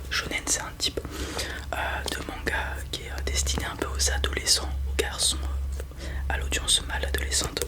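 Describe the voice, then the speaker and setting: A librarian in a whispered role-play, speaking in a soft, breathy, barely voiced library whisper while recommending and reading aloud. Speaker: ASMR host playing a librarian recommending books.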